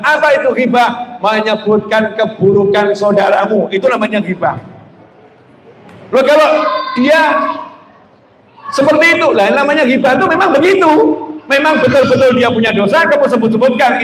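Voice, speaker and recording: A man preaching an Islamic sermon for a live stream, lively, sometimes chanting prayers and mimicking shouting. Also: very high voice. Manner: lively, rises loud when mimicking shouting, chants zikir. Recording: echoey hall with faint noise.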